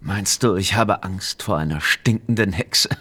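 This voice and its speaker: A man's voice: sits low, a little slow, pushed and bright, slightly rough, pitched below the performer's own voice, exaggerated voice. A man voicing a defiant, sneering thief in a storybook, with a strained, indignant delivery. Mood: sneering defiance. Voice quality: strained, groaning. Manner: indignant, scornful. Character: defiant, sneering male thief caught red-handed. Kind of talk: storybook character voice.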